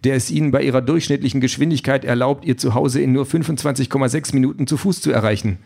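A man's voice: medium pitch, quick pace, gravelly, darkish tone, voice pushed up. A man voicing a fussy, overly formal self-driving car that is eager to please. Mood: prim, polite.

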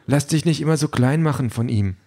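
A man voicing a smooth, flattering male AI companion in an audiobook, speaking in sugary, salesy praise. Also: medium pitch, a little fast, voice pushed up, natural voice. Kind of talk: audiobook character voice.

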